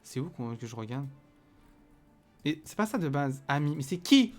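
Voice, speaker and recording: A man streaming himself playing a video game, excitable and swinging from loud exclamations to muttering. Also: a little high, moderate pace, faint music behind. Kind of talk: live gameplay commentary.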